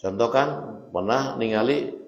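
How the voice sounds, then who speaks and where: A man with a Sundanese accent preaching a mosque sermon, telling stories lively, laughing and turning to his listeners. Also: medium pitch, a little slow, lo-fi sound. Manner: lively storytelling with laughter and asides to the audience. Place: mosque hall. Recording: echoey mosque hall.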